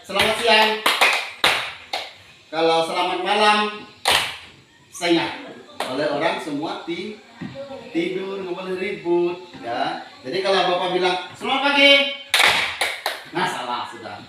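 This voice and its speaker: A male teacher leading his class through a concentration game, calling out commands loudly. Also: high voice, a little slow. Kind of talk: classroom instruction. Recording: echoey classroom recorded from far off, noisy.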